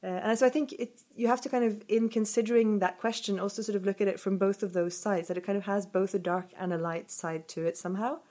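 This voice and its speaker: Woman researcher on a podcast, mid pitch, lots of uh and sort of, thinking out loud. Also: fairly even intonation, fast talker, hardly any pauses. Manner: thoughtful, many fillers and hedges. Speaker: researcher guest. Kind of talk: podcast interview.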